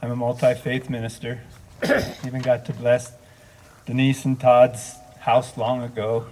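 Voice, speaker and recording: A man, a multi-faith minister, speaking gently and from the heart at a memorial service, telling a story and leading a prayer. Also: mid-range voice, flat delivery, measured pace, slight background noise, rough recording.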